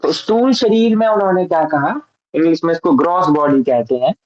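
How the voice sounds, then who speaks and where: A man teaching a Vedanta class with a patient manner, checking in with his students and reciting Sanskrit verses slowly. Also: fairly high pitch, darkish tone, dull audio. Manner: patient, checks understanding with frequent "है ना, ठीक है". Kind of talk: classroom lesson on a Sanskrit text.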